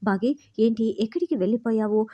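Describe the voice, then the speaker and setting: A woman's voice: a little high, fairly quick, dark tone, slightly rough, muffled recording. A woman voicing a worried, devoted husband and father in a read-aloud serial recap, in her plain reading voice. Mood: earnest.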